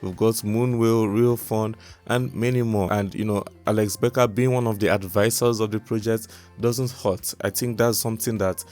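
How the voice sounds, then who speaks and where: Male YouTube host, crypto bro pitch, lowish voice, promotional review delivery over background music. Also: steady tone, normal speed, darkish tone. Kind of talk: scripted-style vlog narration, promotional review.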